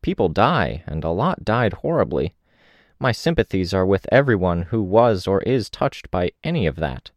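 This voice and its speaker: A man's voice: deep voice, very animated, normal speed, dry recording. A man voicing an earnest, chatty old woman on a train who rambles and confides.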